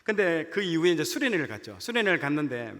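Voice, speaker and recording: Animated preacher, man, high bright voice, echoing church hall. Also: fast. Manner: animated storytelling, acts out dialogue. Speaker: junior pastor. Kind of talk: sermon with personal story. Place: church sanctuary.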